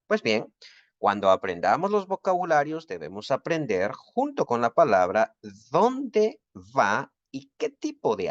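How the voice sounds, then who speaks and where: Guy teaching greek grammar step by step, deep-ish voice, dry lo-fi recording. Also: no room sound. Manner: patient, methodical explaining. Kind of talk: recorded video lesson.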